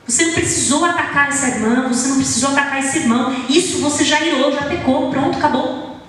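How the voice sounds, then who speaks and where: A woman preaches to her congregation with an animated delivery, reading scripture as if telling a story. Her voice is high and sounds distant from the microphone. The church hall around her has a long, heavy reverb. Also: fast. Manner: animated, shifts pitch to act out quoted speakers. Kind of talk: sermon with expressive scripture reading. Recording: echoey hall, voice from far off.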